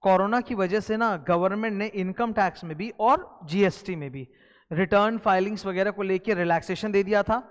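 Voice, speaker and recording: A man's voice: high-pitched, long reverb tail. A man with an Indian accent teaching exam candidates, explaining syllabus changes in a conversational way and repeating key points. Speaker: exam tutor. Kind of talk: recorded lecture explaining a syllabus.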